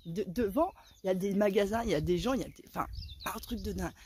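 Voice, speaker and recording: A woman in her forties telling a story in a casual vlog, animated and dramatic, with a sore throat that keeps her softer than usual. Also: mid-range voice, quick pace, a little hiss or hum. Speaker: vlogger.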